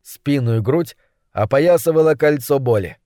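A man narrating a fantasy audiobook in a steady storytelling manner. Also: medium pitch, moderate pace, no echo, studio quality.

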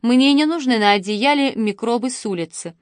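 A woman's voice: fairly high pitch, moderate pace, no echo, studio quality, pitched above the performer's own voice, close to an everyday voice. A woman reading the lines of a busy middle-aged mother who talks in a matter-of-fact, dismissive way in an audiobook. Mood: calm dismissive. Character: tired busy middle-aged mother, calm then sharp. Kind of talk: audiobook dialogue.

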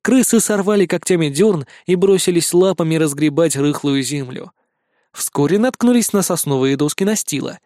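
A man reading a children's fantasy story aloud in a lively, playful narration. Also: on the high side, moderate pace, no echo, studio quality. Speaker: audiobook reader.

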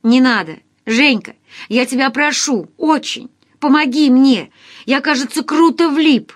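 A woman reading an audiobook, voicing a panicked middle-aged man who shouts and pleads. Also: high-pitched, measured pace, voice pushed up. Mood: pleading. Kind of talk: audiobook dialogue.

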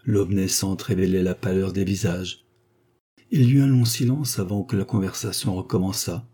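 A man reading a short story aloud in a measured, even storytelling manner. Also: low-pitched, breathy edge. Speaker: audiobook reader. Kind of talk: scripted narration of a short story.

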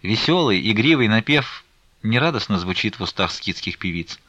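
A man narrating a classic literary audiobook in a measured storytelling manner. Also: on the low side, lively intonation, sharp tone, no echo. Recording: dull lo-fi dry recording.

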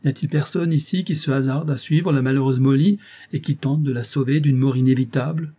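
A man voicing a gentleman who raises his voice in an urgent appeal, husky and warm in tone. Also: medium pitch, fairly even intonation, brisk, voice pushed up, lightly acted. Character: gentleman calling out to the crowd.

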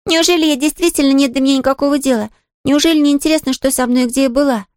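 A sunny, talkative little orphan girl, as a woman reader puts her on in an audiobook, eager and reassuring. The voice sits high and bright above the narration. The sound is dry and close. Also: fairly even intonation, no echo, close to an everyday voice. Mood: wistful. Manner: eager, bubbly, quick to reassure. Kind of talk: audiobook character reading.

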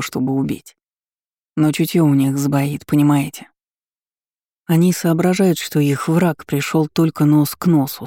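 A woman reading the lines of an earnest young male soldier who is devoted to his queen, in a fervent, hushed way. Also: low voice, no room sound, studio quality.

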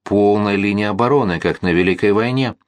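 A man's voice: fairly low pitch, fairly quick, no echo, natural voice. A man doing a slurring, half-deaf old colonel. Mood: shouting. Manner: slurring, shouting. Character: exhausted half-deaf male artillery colonel.

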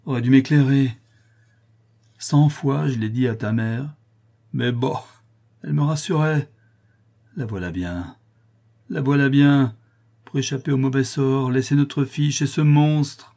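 A man's voice: mid-range voice, fairly even intonation, measured pace, pauses often, pitched above the performer's own voice. A man voicing a poor father, a gem cutter, rambling incoherently in distress, in a storybook reading. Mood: distraught. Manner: agitated, incoherent, jumping between loud and whispered.

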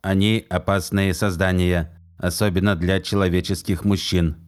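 This is a prim robot nanny with a metallic, mechanical voice, done by a man reading a story aloud. He speaks low and slow, evenly and without hurry. He recites facts like a technical manual, literal and exact. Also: flat delivery, clean tone, close to an everyday voice. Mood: flat, matter-of-fact. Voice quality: metallic, measured robotic delivery. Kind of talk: audiobook reading.

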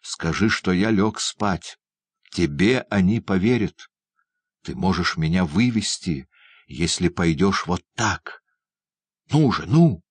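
A man voicing a raving, terrified old male prisoner, bursting out shrill and frantic. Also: lively intonation, slow pace, breathy edge, no echo, exaggerated voice. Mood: pleading, frantic. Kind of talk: audiobook character voice.

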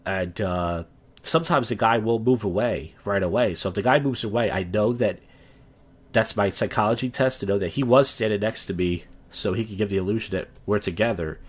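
A man with a somewhat low voice talks on a casual podcast. He rambles, doubling back with fillers and restarts as he explains himself. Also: a little fast, husky. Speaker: podcast host.

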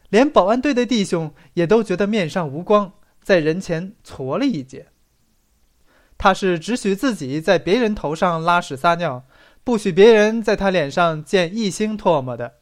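Narrating a literary tale, this audiobook reader uses a medium-pitched voice at a moderate pace. The delivery is expressive and storyteller-like, putting weight on the dramatic lines.

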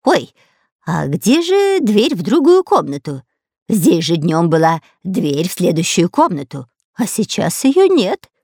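Lady putting on a scared stuttering spy guy, squeaky and all over the place, dry audiobook sound. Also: very animated, normal speed, hardly any pauses, dry recording. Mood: anxious. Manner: stutters, whimpers fearfully. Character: cowardly stuttering long-nosed male spy. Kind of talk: audiobook character voice.

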